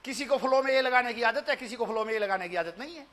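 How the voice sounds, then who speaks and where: An Indian math teacher with an unusually high voice walks students through a statement step by step. His tone is bright and forceful. He repeats his points and keeps asking the class questions, moving between Hindi and English as he goes. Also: fast talker. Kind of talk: online demo math lecture.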